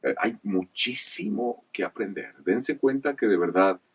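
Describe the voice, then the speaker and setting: A man from Chihuahua in northern Mexico, here as a voice actor guest, tells career stories in a relaxed interview. His voice is on the low side with a breathy edge, his delivery measured and explanatory with animated asides. The recording catches him a bit far from the mic.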